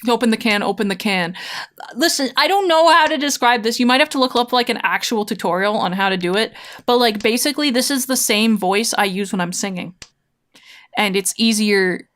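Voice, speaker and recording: She speaks briskly in a mid-range, fairly bright voice. The woman is a VTuber livestreaming online mahjong, chatting loosely and slangily with her viewers as she works through her thoughts out loud.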